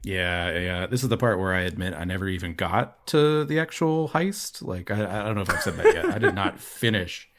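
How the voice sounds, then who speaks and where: A man's voice: low-pitched, expressive, normal speed, hardly any pauses, a bit bright. A man co-hosting a podcast in casual chat, retelling things in a loose, joking way and often laughing. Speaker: podcast co-host.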